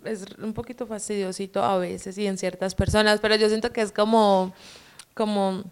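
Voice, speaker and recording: A Colombian woman with a mild paisa accent, chatting casually as a guest, relaxed and giggly. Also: medium pitch, normal speed, clean tone. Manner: relaxed, giggly, hedging with fillers. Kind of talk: casual chat.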